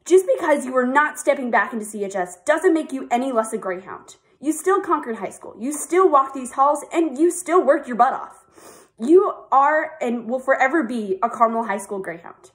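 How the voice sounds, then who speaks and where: A woman's voice: high-pitched, animated, moderate pace. A teenage girl on a yearbook staff, giving an earnest, upbeat video address and reading a heartfelt speech. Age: teens.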